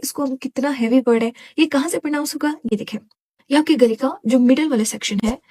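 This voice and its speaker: Woman quran teacher, kinda high voice, walks you through the sounds one by one. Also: darkish tone. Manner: explains step by step, demonstrating pronunciation; mixes in English words. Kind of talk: recitation tutorial.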